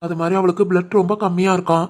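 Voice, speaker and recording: A woman's voice: fairly high pitch, a little fast, natural voice. A woman voicing a teasing young Tirunelveli husband. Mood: worried. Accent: Tirunelveli Tamil. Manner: teasing banter, turns soft and worried. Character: young husband, teasing but caring, shopkeeper. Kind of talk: animated family story.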